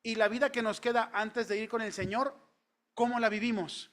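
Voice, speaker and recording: A man's voice: high voice, little pitch movement, moderate pace, fairly bright tone. A man preaching a sermon in a church, talking conversationally and asking the congregation questions. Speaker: pastor.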